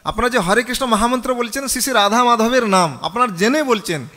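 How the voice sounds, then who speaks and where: High-voiced monk preaching in a hall. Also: male voice, a little fast, bright, forceful tone. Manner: call-and-response, chants the mantra with the audience. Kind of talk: sermon on scripture.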